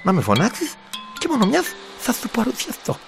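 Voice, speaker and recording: Storybook role: a sly, mocking little fish with a high voice that swoops all over, played by a man, with a gravelly edge. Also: huge pitch swings, music in the background, exaggerated voice. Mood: pleading. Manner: pleading, then teasing. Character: small bony talking fish, sly and mocking.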